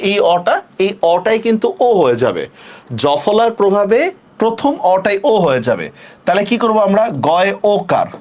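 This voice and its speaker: Man, online class teacher, high voice, keeps checking if students understand. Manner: repeats questions to students, checks understanding often. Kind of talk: live online class lesson.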